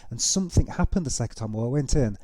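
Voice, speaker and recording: A man's voice: medium pitch, lively intonation, quick pace, warm tone, no room sound. A man hosting a reaction video, giving casual, conversational commentary and explaining things as he goes. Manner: explanatory, conversational, with tag questions.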